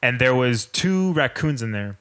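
A man's voice: mid-range voice, lively intonation, normal speed, fairly bright tone, clean tone. A young man co-hosting a casual podcast, telling a laid-back, profane story and doing little voices for the people and animals in it. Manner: laid-back storyteller, does funny voices for animals and his dad, lots of swearing. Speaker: podcast co-host. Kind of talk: casual chat.

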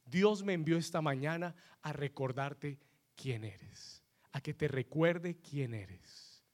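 Slow, emphatic preaching man. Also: fairly high pitch, lively intonation. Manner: preaches with call-and-response, rising to shouts. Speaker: pastor. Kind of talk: bilingual sermon.

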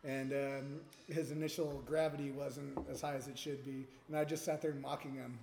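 A man's voice: medium pitch, little pitch movement, normal speed, vocal fry. A man, a brewer guest on a podcast, telling stories animatedly and laughing often. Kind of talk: casual interview. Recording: roomy, faint background noise.

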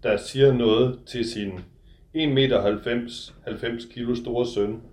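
A man's voice: medium pitch, steady tone, darkish tone, reverberant. A man reading from his novel, then discussing it in a reflective, hesitant way. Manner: measured, reflective, hesitant with fillers when speaking freely. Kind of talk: literary reading, then interview talk.

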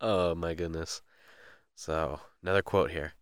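A man's voice: low voice, fairly even intonation, a little slow, clear, resonant tone, no echo, studio quality. A man co-hosting a casual chat and reading book quotes aloud, giggly and joking. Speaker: podcast co-host.

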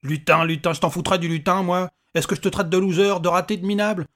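A touchy little bearded imp rants and grumbles in a raised, husky voice, as a male narrator puts him on. He is sarcastic and quick to take offence, pushing his pitch up when riled. It is a character voice in a storybook reading. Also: expressive. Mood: indignant. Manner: irritable, sarcastic, ranting. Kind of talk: audiobook character voice.

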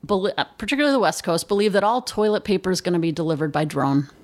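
A businesswoman with a Chicago accent, an agency chief executive, appears as a guest in a conversational interview. Her voice is lowish and darkish in tone, she talks fast, and she comes across as emphatic, candid and joking.

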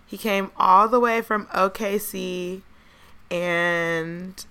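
An American woman co-hosting a casual podcast, telling stories in a candid, slangy way, her voice hoarse with a smoker's rasp. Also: medium pitch, steady tone, very slow, pushed and bright. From United States. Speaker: podcast co-host. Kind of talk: casual chat and storytelling.

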